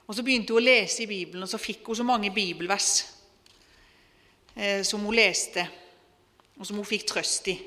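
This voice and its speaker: Woman, preacher, earnest sermon storytelling, bright tone, long hall reverb. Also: mid-range voice. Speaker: preacher telling a testimony.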